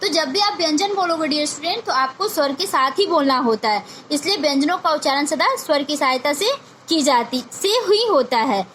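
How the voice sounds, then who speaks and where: A woman's voice: high voice, lively intonation, normal speed, fairly bright tone, slight background noise. A woman teaching a grammar lesson to young children, repeating each point and asking questions she answers herself, mixing in English words.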